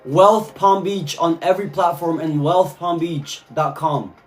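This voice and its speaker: A Cuban livestreamer with a slightly high voice speaks at a measured pace over soft background music. He chats casually, reading messages from viewers and answering them, and often repeats his phrases.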